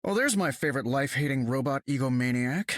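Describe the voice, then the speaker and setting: A man with an animated, fast, mid-range voice that's a bit bright plays a confident, wisecracking inventor superhero in a video game. The lightly acted performance is wry, casual, and self-assured with a sardonic mood, captured in a dry, studio-quality recording.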